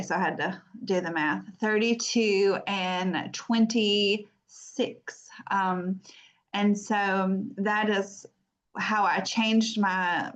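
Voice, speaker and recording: An American woman in her fifties giving an informal online talk from home as a guest speaker, chatty and self-deprecating. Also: mid-range voice. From United States. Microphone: video call. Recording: dull lo-fi video call audio.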